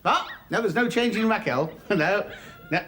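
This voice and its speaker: An actor playing a fussy, harassed suburban husband in a studio sitcom, flustered and sarcastic. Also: male voice, sits high, lively intonation, normal speed, a bit bright. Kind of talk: 1980s studio sitcom acting. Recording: TV studio audience laughter, noisy. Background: studio audience laughter.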